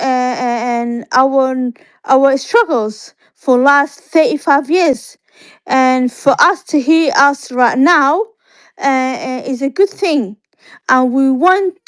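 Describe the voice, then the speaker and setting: Halting higher-voiced woman, dry sound. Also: no echo. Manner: halting, many fillers, grows agitated. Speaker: debate participant. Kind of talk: impassioned debate argument. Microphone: poor online connection.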